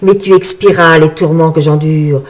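A woman voicing a vain, grandiose enchanted frog fairy in a storybook reading, with a shrill, preening, imperious manner. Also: fairly even intonation, measured pace, close to an everyday voice. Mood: furious.

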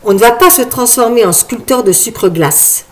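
A woman's voice: a little high, moderate pace, close to an everyday voice. A woman voicing a teasing young father in an audiobook, light and bantering in tone.

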